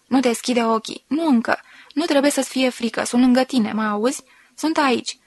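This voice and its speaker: A woman voicing a sensual woman who slowly and softly reads out an intimate love letter. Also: high-pitched. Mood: intimate, tender. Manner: slow, soft, intimate reading.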